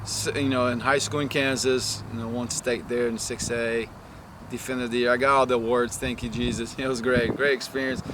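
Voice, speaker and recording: A soccer coach from Brazil talks loosely in an interview, circling back and restarting his sentences. His voice sits at an ordinary pitch for a man. Loud traffic noise runs under the outdoor recording. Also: little pitch movement, a little fast. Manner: rambling, many restarts and "you know" fillers. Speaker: head women's soccer coach. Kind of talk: casual interview.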